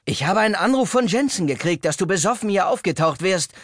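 A man's voice: high-pitched, expressive, a little fast, fairly bright tone, no room sound, studio quality, voice pushed up. A man voicing a stern, worried young friend. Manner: urgent, scolding.

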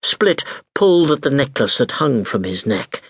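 A man narrating a children's storybook in an expressive, unhurried way. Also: medium pitch, husky, no room sound. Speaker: audiobook narrator.

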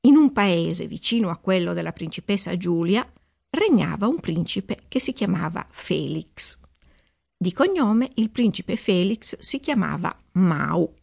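Casting: woman author reading a kids' story, animated, a little creaky. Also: on the low side, unhurried. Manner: playful, expressive storytelling. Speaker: author reading her own book. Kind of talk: children's audiobook narration.

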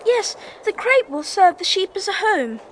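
A small boy prince from another world for radio drama. The voice is very high and swings freely, innocent yet insistent in its questions. Clear background noise surrounds it. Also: big pitch swings, moderate pace. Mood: curious.

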